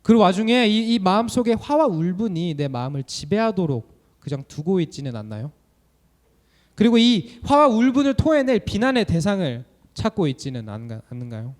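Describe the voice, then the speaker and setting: Animated young male student preacher. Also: sits high, moderate pace. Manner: animated, asks many rhetorical questions. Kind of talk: sermon.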